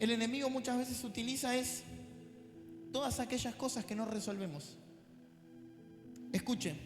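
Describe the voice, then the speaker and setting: A male pastor with a Rioplatense accent preaching a sermon, animated and dropping joking asides to the congregation. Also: high voice. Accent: Rioplatense Spanish. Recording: echoey church hall with faint music.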